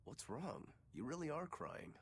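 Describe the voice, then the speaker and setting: A blunt young swordsman from a game, talking in a mid-pitched, matter-of-fact way. He sounds calm and direct. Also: unhurried, gravelly, slight background noise.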